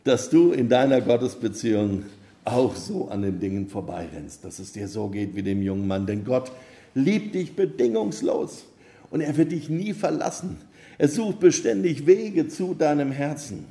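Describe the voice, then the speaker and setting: A man preaching a sermon, telling a parable in a calm, measured way. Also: medium pitch. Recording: roomy echo.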